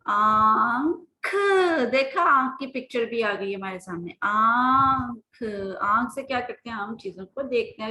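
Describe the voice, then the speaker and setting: A woman's voice: fairly high pitch, bright, forceful tone, echoey room, a little hiss or hum, poor audio. A woman teaching Urdu letter sounds to beginners, patiently drawing out each sound and checking in with "theek hai". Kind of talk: slow phonics lesson with slides.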